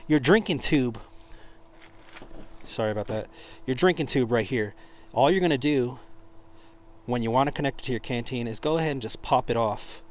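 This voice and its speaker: A man giving an informal hands-on product demonstration, speaking haltingly as he searches for words. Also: medium pitch. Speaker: product reviewer.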